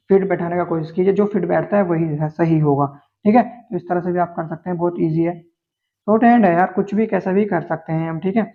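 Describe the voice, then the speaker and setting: A man with a high-pitched voice teaches shorthand, talking through each outline patiently and repeating words as he goes. He keeps coming back to small filler checks. The sound is thin and phone-like. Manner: patient, repeats words slowly, many "theek hai" fillers. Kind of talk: explaining Hindi shorthand outlines step by step. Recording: tinny, phone-like narrow sound.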